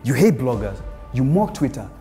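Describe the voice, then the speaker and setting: A man's voice: fairly quick, close to an everyday voice. A young man in his twenties performing a monologue as a blunt friend tearing into a fading star. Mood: scornful. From Nigeria. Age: 20s. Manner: confrontational, swings from low scorn to loud outbursts. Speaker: actor performing an audition monologue. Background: faint music.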